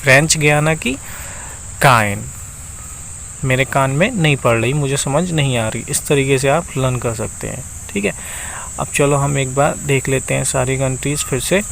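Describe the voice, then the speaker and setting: A man teaching a map lesson, speaking slowly and repeating himself, often checking in with the viewer. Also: mid-range voice, gravelly, fairly bright tone, a little hiss or hum, poor audio. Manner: slow, repeats itself and keeps checking in with the viewer.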